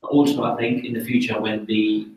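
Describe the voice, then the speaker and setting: A man's voice: on the low side, level tone, fairly quick, background noise. A man in an informal group discussion, talking in an agreeable, conversational manner. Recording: very echoey room, distant mic.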